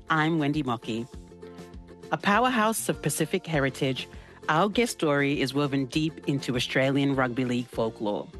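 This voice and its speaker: A woman hosting a radio interview, with a polished scripted intro and friendly, curious questions. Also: deep voice.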